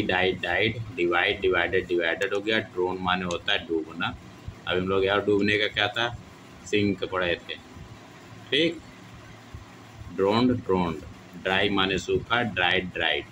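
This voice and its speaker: A man teaching English grammar in Hindi with a Hindi accent, repeating each verb form slowly in drill style. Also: low-pitched, bright, forceful tone, slight background noise, poor audio. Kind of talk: classroom lesson reciting verb forms.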